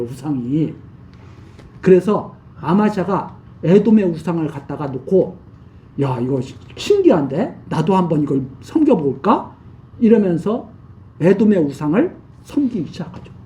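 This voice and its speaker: A man's voice: sits high, warm tone, distant mic. A man preaching a sermon, retelling scripture in plain everyday speech and acting out the kings' words. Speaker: pastor.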